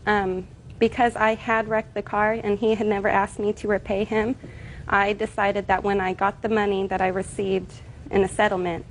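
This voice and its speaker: A woman with an American accent testifying as a plaintiff, explaining in a measured, hesitant way. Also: mid-range voice, rough recording. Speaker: plaintiff in TV small-claims court. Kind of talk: courtroom testimony. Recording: TV courtroom with faint noise.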